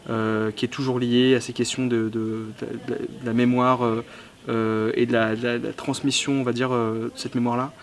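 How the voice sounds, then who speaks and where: This is a young man from the south of France, a film director, giving a halting festival interview with many fillers and restarts. His pitch is medium.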